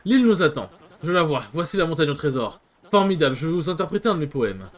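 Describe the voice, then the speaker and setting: Brief: pompous, cowardly nobleman captain, put on by a male gamer, shrill, stammering, pitch leaping all over. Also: sing-song, fast. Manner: stammering, shrill when scared.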